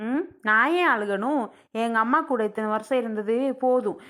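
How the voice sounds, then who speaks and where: A woman voicing a carefree, blunt young married woman who speaks slowly and flatly. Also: a little high, voice pushed down, lightly acted.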